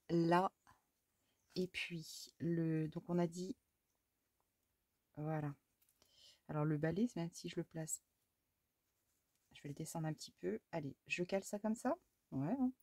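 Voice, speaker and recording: A woman from France, her voice on the low side and dark in tone, chats slowly and pauses often while scrapbooking. She mutters to herself, reacts to little mishaps, and talks tenderly to her cat between steps in this casual crafting vlog. The recording is dry.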